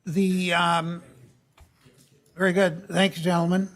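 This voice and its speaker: A woman's voice: lowish voice, flat delivery, takes it slowly. A woman chairing a formal public commission meeting, moving through the procedure.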